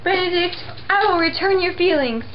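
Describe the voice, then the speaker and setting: Her voice is very high-pitched with lively intonation at a moderate pace, recorded lo-fi with slight hiss or hum. An amateur sock-puppet performer, the young woman voices several parts of a classic play in an earnest, plain manner, hidden behind a sheet backdrop indoors.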